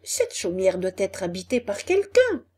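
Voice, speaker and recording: A woman voicing a cheeky, excitable puppet boy in a storybook reading, with a high, loud, exclamatory delivery. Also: a little slow. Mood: pleading.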